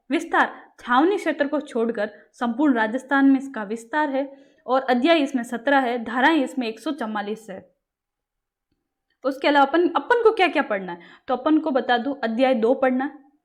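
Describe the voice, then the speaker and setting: A woman teaching exam-prep material in a casual lecture. She quizzes her listeners and answers herself. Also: fairly high pitch. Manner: repeats questions to the class and answers them herself.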